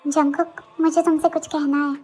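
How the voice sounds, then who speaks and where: Girl doing a caring young woman who begs and scolds, super high voice, story reading. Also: level tone, normal speed, over music, close to an everyday voice. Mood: shy. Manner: pleading, scolding.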